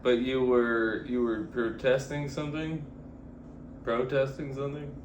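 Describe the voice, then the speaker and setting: A young man co-hosting a podcast, chatting casually and prompting with halting questions. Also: medium pitch, level tone. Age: young adult. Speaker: podcast co-host. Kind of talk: casual interviewing chat. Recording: echoey room, faint noise.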